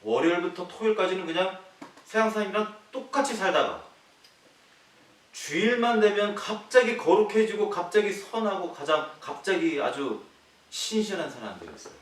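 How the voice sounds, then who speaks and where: A male pastor preaching a sermon, posing rhetorical questions to the congregation and swinging between loud emphatic lines and quiet low ones. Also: lively intonation, moderate pace. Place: church sanctuary. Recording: echoey hall, distant mic, faint hiss.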